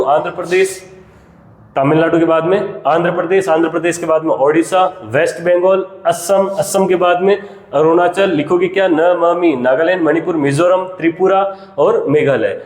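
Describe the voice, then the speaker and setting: A man with a fairly high voice teaches a geography class in Hindi. He fires questions at his students and answers them himself, calling them child. His voice rings with a long reverb in an echoey room. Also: darkish tone. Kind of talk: classroom lesson.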